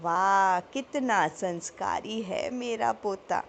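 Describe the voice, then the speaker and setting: A woman voicing an elderly grandmother who dotes on her grandson, speaking slowly and fondly, with a tart edge. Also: medium pitch, gravelly, a little hiss or hum. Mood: doting. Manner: slow, drawn-out, fond speech.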